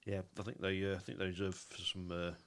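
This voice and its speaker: Deep-voiced man sounding through a pipe. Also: flat delivery, a little fast, a little hiss or hum. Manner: hesitant, restarts his sentences. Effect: hollow, as if talking through a pipe. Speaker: co-host of a speedway talk show. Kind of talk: casual chat.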